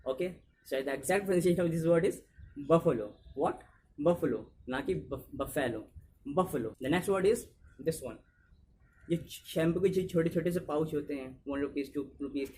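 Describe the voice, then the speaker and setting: A man's voice: fairly high pitch, a little mellow, a little hiss or hum. A man with an Indian accent teaching English pronunciation in a casual video lesson, repeating each word and asking "What?" to drill it.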